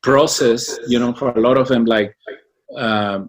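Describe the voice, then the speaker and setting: Man, halting and thoughtful. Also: medium pitch, fairly even intonation. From Mexico. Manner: thoughtful, many fillers and restarts. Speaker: guest, founder of a business association. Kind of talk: interview answers.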